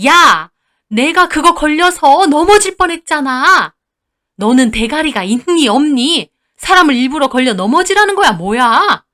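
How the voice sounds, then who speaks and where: In a dramatized story, a woman voices a furious, spiteful older mother-in-law berating her daughter-in-law with contempt. Her voice sits high and is pushed, bright, and exaggerated, animated yet delivered at a measured pace as she scolds harshly.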